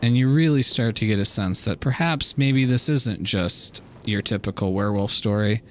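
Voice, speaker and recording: A man's voice: lowish voice, normal speed, slight background noise. A man giving casual, rambling commentary as he streams a video game, wry and musing, trailing off mid-thought.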